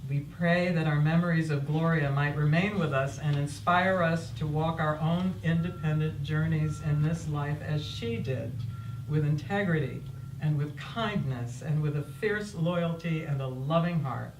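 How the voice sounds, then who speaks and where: A funeral officiant delivers solemn memorial prayers with measured reverence. The voice sits at a middle pitch and reaches the mic from far off in an echoey room. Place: echoey indoor memorial service space. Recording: distant mic in echoey room, faint noise.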